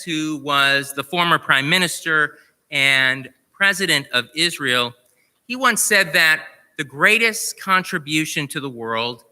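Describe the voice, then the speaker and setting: Man, rabbi, sermon, slow measured delivery, bright tone, long reverb of a sanctuary. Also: fairly high pitch. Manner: measured storytelling, conversational. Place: large sanctuary. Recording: reverberant sanctuary on live stream.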